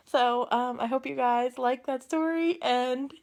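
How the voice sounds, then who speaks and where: A woman's voice: high-pitched, takes it slowly, darkish tone. A woman telling a casual storytime vlog into a phone camera, rambling and correcting herself as she goes. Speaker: vlogger.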